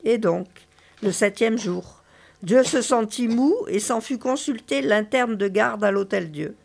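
A woman reading a satirical story aloud in a dry, measured narration. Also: on the high side, creaky, a little mellow. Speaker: reader. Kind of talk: literary reading.

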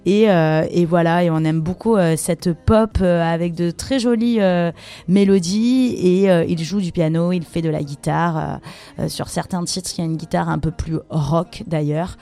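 A woman's voice: fairly low pitch, normal speed, warm tone. A woman hosting a radio music show, chatting casually between tracks with frequent hesitations. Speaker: radio host.

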